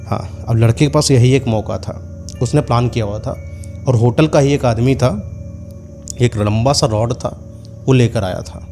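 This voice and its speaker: A man's voice: mid-range voice, darkish tone. A man narrating a horror story in a loose, conversational way, with fillers and repeated phrases.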